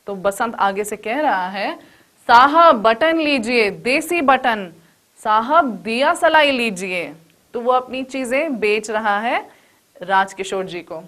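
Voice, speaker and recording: A woman's voice: mid-range voice, a bit bright. A woman teacher explaining a story lesson, acting out quoted lines and then explaining them.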